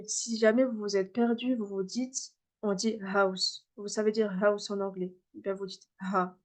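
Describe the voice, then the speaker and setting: A woman's voice: medium pitch, darkish tone. A woman teaching a beginner class, patiently repeating and demonstrating letter sounds. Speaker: Arabic teacher.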